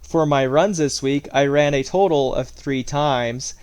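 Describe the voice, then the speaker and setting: A man's voice: mid-range voice, a little slow, darkish tone, smooth. Matter-of-fact man recapping his training. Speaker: running vlogger. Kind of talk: training recap vlog, reading out workout stats.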